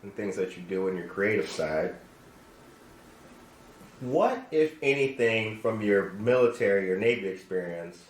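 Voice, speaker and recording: Low-voiced man hosting a casual chat. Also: animated, unhurried. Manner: joking, brief interjections. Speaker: podcast host. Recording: roomy with faint hiss.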